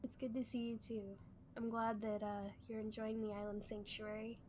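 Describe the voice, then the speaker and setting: Cute, high-voiced anime-streamer woman, cozy. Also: little pitch movement, normal speed, slight background noise. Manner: soft, sleepy delivery. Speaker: streamer host. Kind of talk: cozy livestream chat and reading aloud.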